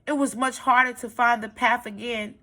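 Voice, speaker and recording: A woman's voice: fairly high pitch, steady tone, moderate pace, bright, forceful tone, pitched above the performer's own voice. A woman voicing a naive, trusting little girl in a children's storybook, earnest and innocent. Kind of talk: children's storybook read-aloud.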